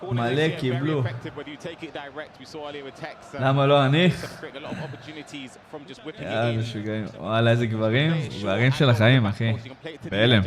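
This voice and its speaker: A man live-streaming a football video game, exclaiming in excitement, repeating himself and thanking viewers in slangy chat. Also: mid-range voice, long pauses, a crowd in the background. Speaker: gaming livestreamer.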